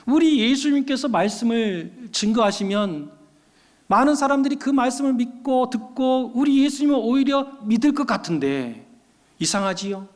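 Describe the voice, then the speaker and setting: A male pastor preaching a sermon, speaking with animation and asking the congregation rhetorical questions. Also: very high voice. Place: church sanctuary. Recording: long hall reverb.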